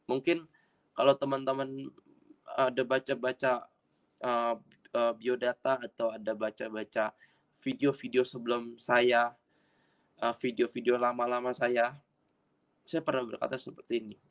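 A man preaching a personal testimony sermon in an earnest way, with sudden loud bursts of emphasis and frequent repetition. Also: medium pitch, level tone, unhurried, long pauses. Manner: addresses audience as friends, repeats himself.

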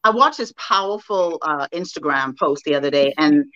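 A woman co-hosting a podcast, talking in a casual, animated way and asking her co-host for her thoughts. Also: deep voice, normal speed, slight background noise. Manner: animated, conversational, asks her co-host questions. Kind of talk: casual discussion. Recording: dull lo-fi sound.

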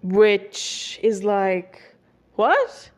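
A woman's voice: medium pitch, sing-song, drawn-out words. A young woman of nineteen hosting a solo podcast, chatting casually with many fillers and self-corrections. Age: young adult. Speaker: podcast host.

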